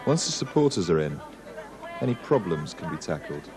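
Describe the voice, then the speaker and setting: Deep-voiced male documentary reporter. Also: big pitch swings, moderate pace, a crowd in the background. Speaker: reporter and narrator. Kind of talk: documentary narration and interview questions. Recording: clear outdoor traffic noise.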